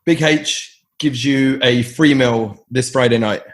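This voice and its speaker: A man's voice: mid-range voice, slow pace. A man hosting a podcast who interviews his guest in a casual, friendly way with short responses. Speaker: podcast host.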